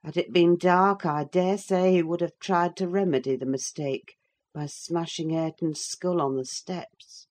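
A woman narrates a classic novel in the first person. Her voice is low and her pace unhurried and measured. The reading is expressive without rushing. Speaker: audiobook narrator.

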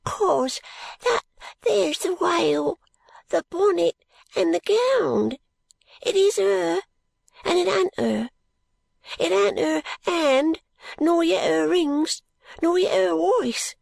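A ragged young street boy, as a woman reader puts him on, high and thin with a breathy, half-whispered edge and a gravelly catch beneath it. He speaks slowly and haltingly, in plain ungrammatical street talk, recorded close and dry for a storybook reading. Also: darkish tone, no echo, exaggerated voice. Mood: bewildered. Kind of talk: audiobook character voice.

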